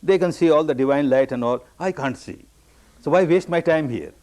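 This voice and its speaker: A man from Burma giving a meditation discourse, telling his own story with repeated, emphatic phrases that jump up high on the key words. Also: moderate pace, darkish tone. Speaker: meditation teacher.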